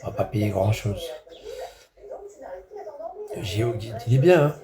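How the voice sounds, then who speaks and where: A man's voice: fairly low pitch, expressive, takes it slowly, a crowd in the background. A man chatting casually in a rambling, repetitive way, with crude slang. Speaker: vlogger. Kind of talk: casual vlog chat.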